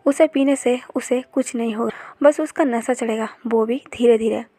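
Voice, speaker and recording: A moody male mafia boss, drunk and brooding, read by a woman narrator in a higher voice. His lines come across plainly and sound dry and close. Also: normal speed, dark tone, dry recording. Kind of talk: narrated fan-fiction retelling.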